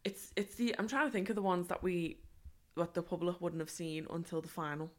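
A woman's voice: fairly low pitch, steady tone, brisk. A young woman from Liverpool with a Liverpool accent, co-hosting a podcast in enthusiastic casual chat. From Liverpool, England. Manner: enthusiastic, laughs often. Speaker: podcast co-host.

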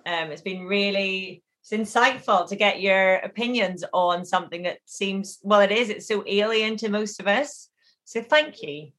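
A woman's voice: mid-range voice, normal speed, a bit bright. A woman interviewer closing out a conversation. She sounds friendly and thanks her guests appreciatively.

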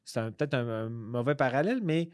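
A man with a Québécois accent chatting casually as a comedian guest on a podcast, rambling with many halting restarts. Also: medium pitch, expressive, darkish tone, no room sound, clean studio sound.

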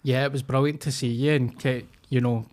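A man's voice: mid-range voice, steady tone, fairly quick, darkish tone. Sweary Glaswegian man chatting. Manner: sweary, blunt, colloquial Scots. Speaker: stand-up comedian and podcast host. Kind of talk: casual chat.

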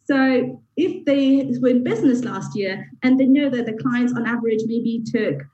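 A woman's voice: fairly high pitch, moderate pace, warm tone, a little hiss or hum. A woman accountant on a panel, explaining her points in order over a video call. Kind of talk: panel discussion. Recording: dull roomy video call audio from far.

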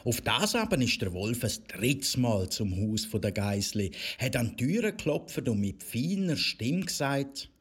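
A man with a Swiss German accent narrating a fairy tale for children in a gentle storytelling manner. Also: medium pitch, big pitch swings, unhurried, hardly any pauses, slightly rough.

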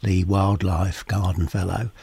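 A man hosting a podcast, chatty and relaxed, husky from a summer cold, giving practical gardening advice. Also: sits low, unhurried, no room sound. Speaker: podcast host. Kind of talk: casual gardening chat.

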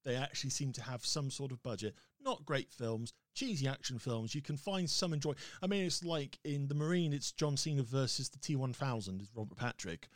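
A man's voice: medium pitch, lively intonation, fairly quick, hardly any pauses, dry recording, studio quality. A man co-hosting a podcast in casual chat, laughing often and restarting his sentences. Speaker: podcast co-host.

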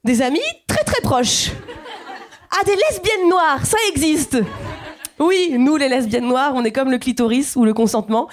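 A woman's voice: sits high, lively intonation, unhurried. A woman in her thirties from Guadeloupe, performing a playful, chatty stand-up set and talking directly to the audience. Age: 30s. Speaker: stand-up comedian. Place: comedy stage.

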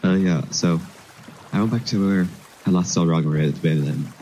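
A man with a very low, mellow voice, telling his pirate tale in a role-play chat. He talks haltingly, stopping and restarting often with fillers. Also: slight background noise, rough recording. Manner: halting, hesitant with many fillers.

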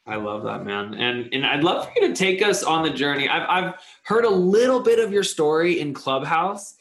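Eager interview host, slightly high voice. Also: male voice, expressive, a bit bright, reverberant. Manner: enthusiastic, halting restarts. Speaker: podcast host. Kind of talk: conversational interview.

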